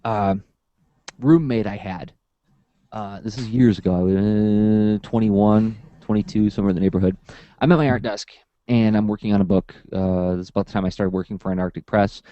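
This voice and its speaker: Speaking briskly in a fairly low pitch, a comics workshop teacher tells long, casual stories and performs the quotes of the people in them. He's animated and verbose. The audio has no echo, though the highs are cut off.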